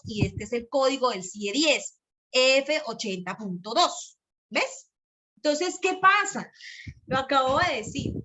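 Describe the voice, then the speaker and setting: A Colombian woman lecturing students online, her voice high and bright. She gets excited, repeats phrases over and over and rushes ahead as she explains. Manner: excitable, repeats herself, talks fast. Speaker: psychology lecturer. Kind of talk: live online class.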